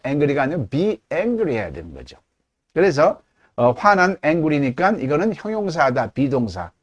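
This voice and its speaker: A man's voice: on the high side, a little mellow. A middle-aged man teaching English grammar in a lecture, explaining step by step and answering his own questions.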